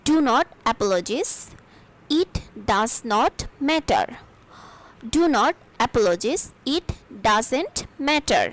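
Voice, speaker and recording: A woman leads a spoken English lesson. Her fairly high voice moves a great deal up and down as she reads each sentence. She takes it very slowly and carefully, saying every line twice for learners. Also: big pitch swings, rough recording. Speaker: English teacher.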